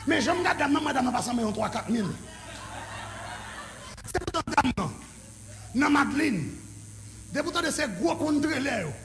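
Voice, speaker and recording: A male pastor with a Haitian French accent telling his story in a sermon, excited and often breaking into shouts. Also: very high-pitched, normal speed, creaky, pauses often. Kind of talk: preaching sermon testimony.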